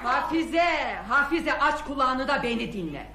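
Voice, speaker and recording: A woman's voice: sits high, expressive, a little slow, very noisy. An actress playing a middle-aged village mother who accuses her neighbor and rouses the onlookers. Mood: accusing. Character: shrill complaining village mother Zekiye. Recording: echoey room, faint crowd.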